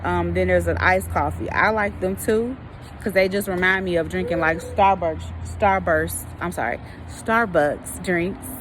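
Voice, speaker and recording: A woman's voice: fairly low pitch, measured pace, a little hiss or hum. An American woman chatting casually to her viewers in an informal, folksy, rambling way, often drawing out hesitant phrases. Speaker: vlogger.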